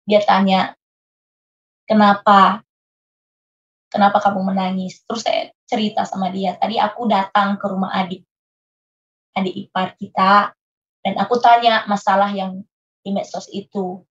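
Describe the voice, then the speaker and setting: A woman being interviewed, earnestly telling a painful personal story and acting out her past conversations. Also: mid-range voice. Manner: earnest, re-enacting her own past dialogue. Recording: muffled lo-fi recording.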